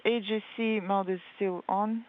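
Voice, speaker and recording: A woman delivers a live translation voice-over in short, halting fragments, often hesitating as she interprets. Her voice sits at a medium pitch and comes through a thin, phone-like line. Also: steady tone.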